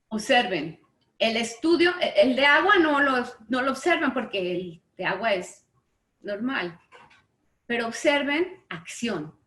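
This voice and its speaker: A woman with a Mexican Spanish accent teaching an online literature class from home, checking in with her students through constant quick questions. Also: fairly high pitch, lively intonation, fairly bright tone. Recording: echoey room.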